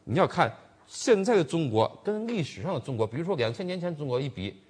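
A man co-hosts a political chat show and retells events quickly. He restarts often and fills gaps with hesitations. His slightly husky voice rises and falls in a lively way. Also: on the high side. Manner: rambling retelling with many restarts and fillers. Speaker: co-host, commentator.

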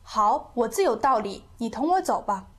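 A woman storyteller voicing a merry, teasing eccentric male monk who mocks people and sings slow folk ditties. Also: on the high side, lively intonation, breathy edge. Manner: playful, mocking, sings a slow folk ditty.

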